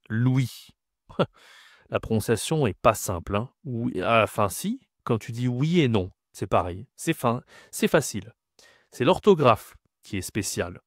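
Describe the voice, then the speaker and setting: A man teaching French vocabulary, speaking slowly and repeating each word, often checking in with short questions. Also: mid-range voice, no echo, studio quality. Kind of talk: vocabulary lesson to camera.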